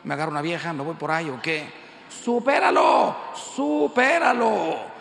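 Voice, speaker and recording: Mexican priest in his 50s, preaching with jokes and little acted-out scenes, higher voice, echoey big hall. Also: rapid-fire, a little hiss or hum. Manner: animated storytelling, acting out dialogue in voices. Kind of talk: humorous sermon to a large audience. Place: large hall with live audience.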